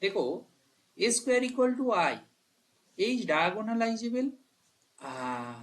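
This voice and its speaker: A man teaches maths in a voice that sits somewhat high for a man. He works through exam problems out loud, checking in with his students often. He stops to correct himself mid-thought. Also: sing-song, very slow. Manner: talks to students directly, "bhai" and "clear?", thinks aloud and corrects himself. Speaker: math teacher. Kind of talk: exam problem walkthrough lesson.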